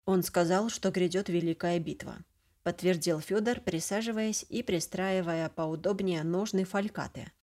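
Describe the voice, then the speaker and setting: Woman reading an audiobook, lowish voice. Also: moderate pace, darkish tone. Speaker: audiobook narrator. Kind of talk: scripted narration.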